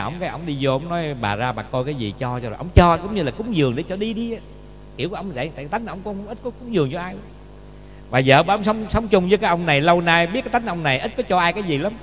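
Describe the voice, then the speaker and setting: Man, Buddhist monk, storytelling sermon, faint hum in the background. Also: a little high. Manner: storytelling, often asks the listeners rhetorical questions. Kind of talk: dharma talk sermon with storytelling. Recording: long reverb with faint hum.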